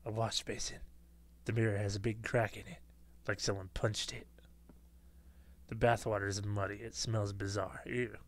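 A man's voice: lowish voice, level tone, normal speed. Gamer, man: casual playthrough commentary, reads game text aloud, easygoing.

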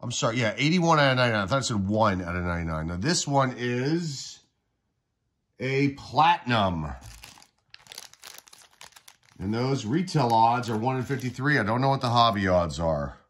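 Indoors at a table, a congested man recovering from a cold opens card packs for his collecting channel, listing player names in easygoing commentary. His mid-range voice moves fairly quickly.

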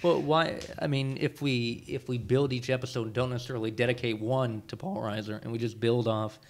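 A man's voice: medium pitch, fairly even intonation, brisk. Rambling male podcast co-host. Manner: rambling, lots of fillers and laughing. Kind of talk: casual podcast chat.

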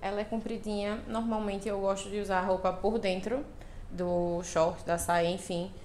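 Wearing a lapel mic, a young woman chats to her viewers during a casual try-on haul by her living room's balcony window, sprinkling in cute diminutives. Her mid-range voice is level and a little mellow at normal speed, with slight background noise.

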